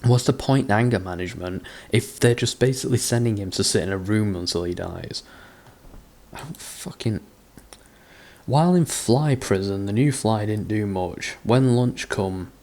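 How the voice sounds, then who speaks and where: A comedic reader with a lowish, darkish voice works through a book at normal speed, reading it with dramatic sarcasm. Every so often he stops to ridicule it, swearing and sounding thoroughly exasperated.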